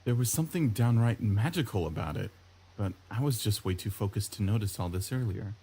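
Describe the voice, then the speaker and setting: A let's play host reads first-person visual novel narration aloud in a wry, reflective manner. His lowish voice is brisk with lively intonation, and plucked guitar music plays behind him.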